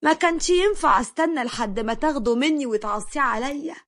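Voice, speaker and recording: A woman with an Egyptian accent voicing a scheming, spiteful middle-aged mother-in-law who talks slowly and bitterly. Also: sits high, expressive, a bit bright. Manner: slow, bitter and resentful.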